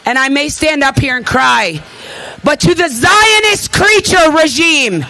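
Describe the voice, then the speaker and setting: This is a high-pitched, creaky, sharp-toned woman in her thirties, addressing an audience at a rally as an activist. Her speech is emphatic and emotional, full of repetition, and the audio quality is poor.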